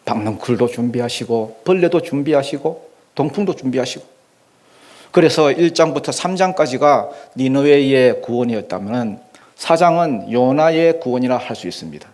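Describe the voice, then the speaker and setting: Male pastor preaching, lively swooping intonation, rhetorical questions to the pews, brief. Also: a little high. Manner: animated, rhetorical questions to the congregation. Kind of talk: sermon. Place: church.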